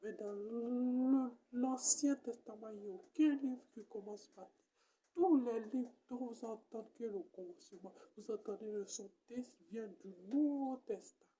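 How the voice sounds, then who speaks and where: A woman with an Ivorian French accent, a comedian giving a mock Bible lesson and repeating each point slowly like a teacher. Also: a little high, mellow, slight background noise.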